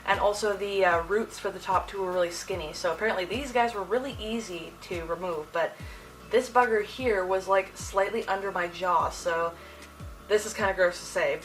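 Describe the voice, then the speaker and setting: Young woman telling a story, slightly distant mic. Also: lowish voice. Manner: animated slangy storytelling with mild exclamations. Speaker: video host. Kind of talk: casual personal storytime to camera.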